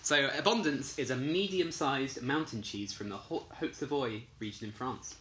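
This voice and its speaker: Bright-voiced man hosting a quiz. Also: mid-range voice, moderate pace. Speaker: quiz host. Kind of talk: casual game chat. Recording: echoey room, faint noise.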